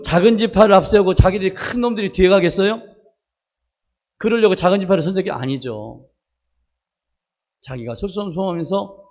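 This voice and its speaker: Higher-voiced pastor preaching. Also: male voice, darkish tone. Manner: conversational preaching with personal stories and calls of "amen?" to the congregation. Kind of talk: sermon. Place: church worship service.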